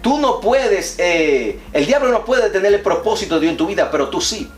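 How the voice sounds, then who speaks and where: A man's voice: high-pitched, expressive, normal speed, reverberant, faint music behind. A man, an evangelist guest, telling his testimony in an earnest, preachy conversational way.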